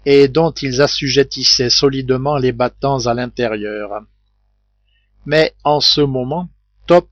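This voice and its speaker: A man reading a novel aloud as audiobook narrator, in a measured, steady scripted narration. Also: medium pitch, dry recording. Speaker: audiobook reader. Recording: dull, muffled home recording.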